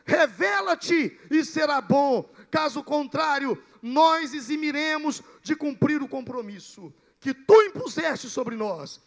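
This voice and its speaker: A man voicing an aged male prophet who calls out loudly and pleads with commanding force during a sermon. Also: very high-pitched, expressive, slow, few pauses, heavily acted. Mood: pleading, commanding. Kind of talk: dramatized sermon quote.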